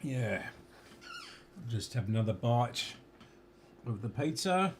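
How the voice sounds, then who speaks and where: A slow, unhurried Australian man, mid-pitched, muttering his way through an electronics repair at home. He talks half to himself as he works. A faint background hiss sits under his voice. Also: sing-song. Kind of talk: casual workshop commentary.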